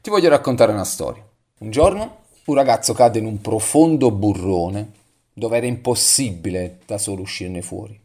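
A man's voice: on the low side, lively intonation, normal speed, dark tone. A man preaching a devotional sermon, reading scripture and reflecting, often asking the listener questions directly.

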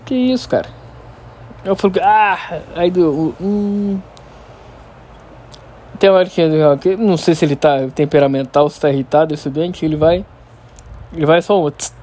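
Slangy Rio man with a higher-pitched voice. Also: moderate pace, pauses often. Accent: Carioca, Rio de Janeiro. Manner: Rio street slang, heavy swearing; animated storyteller, stammers and repeats words. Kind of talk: casual unscripted solo rant.

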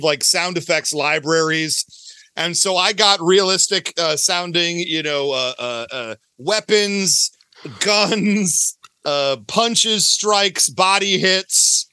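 This podcast guest, who makes audio dramas, has a high voice that sounds pushed and bright, and he keeps a measured pace. He's chatty and emphatic in the casual interview, often repeating himself for effect, recorded without echo.

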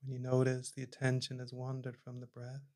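A man leading a guided meditation, speaking slowly and calmly, his phrases trailing off softly at the ends. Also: mid-range voice. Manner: slow, calm, soft-spoken, trailing off quietly at phrase ends. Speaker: meditation teacher.

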